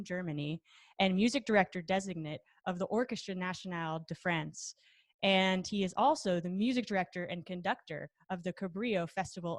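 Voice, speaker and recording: A woman hosting an interview, reading a guest introduction in a clear, measured way. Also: fairly low pitch, no echo, studio quality. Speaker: interview host.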